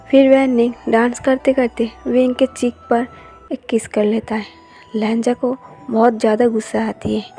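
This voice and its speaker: A woman narrating a fan fiction love story in an even, steady reading voice. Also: fairly high pitch. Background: faint background music.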